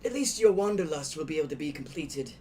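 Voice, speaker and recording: A man voicing a friendly, inquisitive companion in a tabletop fantasy game, with measured, slightly formal speech. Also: on the high side, expressive, dark tone, recorded from a distance, a little hiss or hum, lightly acted. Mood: genial, curious.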